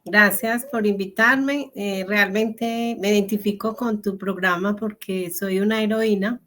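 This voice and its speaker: A woman's voice: mid-range voice, steady tone, unhurried, fairly bright tone. An older woman from Colombia with a Paisa accent, a guest in a podcast interview, talking in an earnest, proud way. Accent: Colombian Paisa (Antioquia).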